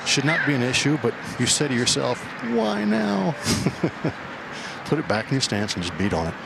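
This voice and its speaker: A man's voice: medium pitch, animated, fast. A man giving on-course golf commentary, describing shots in clipped, colloquial phrases. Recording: very noisy outdoor course microphone.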